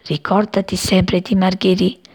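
A woman voicing a dying little female daisy who speaks faintly, sighing in a breathy voice. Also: medium pitch, level tone, unhurried, a little mellow. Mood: fading, loving. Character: dying small female daisy flower, gentle and frail.

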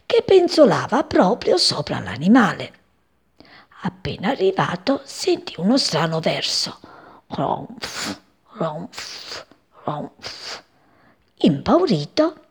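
Slow, expressive woman reading a children's story. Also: on the low side, slightly rough. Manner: expressive, gentle, unhurried.

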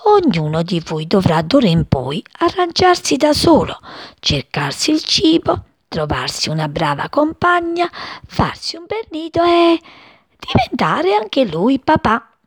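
A woman's voice: sits high, big pitch swings, measured pace, dry recording, pitched above the performer's own voice, full character voice. A woman voicing a caring, protective mother bird speaking earnestly to her chicks. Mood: tender.

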